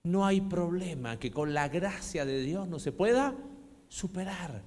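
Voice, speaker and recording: A man preaching a sermon as a pastor, moving from hushed, quiet passages to loud, impassioned ones. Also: high-pitched, animated, a little slow. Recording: long hall reverb.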